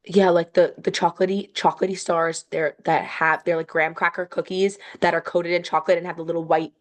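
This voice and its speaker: A young woman co-hosting a podcast, ranting in an animated, exasperated way with casual swearing. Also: lowish voice, brisk. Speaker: podcast co-host. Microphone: home recording, on camera.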